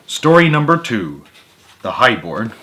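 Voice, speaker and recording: Slight background noise accompanies a man with a mid-range voice reading a story unhurriedly. He is expressive, gives the character lines emphasis, and mutters asides of his own.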